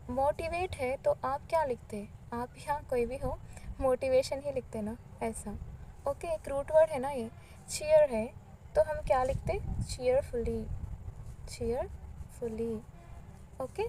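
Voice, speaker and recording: High-voiced woman teaching a lesson. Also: mellow, slight background noise, poor audio. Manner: explains in Hindi mixed with English, reads English lines slowly. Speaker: English teacher. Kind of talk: textbook grammar lesson.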